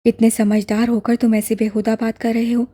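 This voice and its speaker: A woman's voice: a little high, level tone, normal speed, dark tone, natural voice. A woman voicing a stern middle-aged father who scolds his son sharply. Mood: scolding. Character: stern aging father, angry then softening.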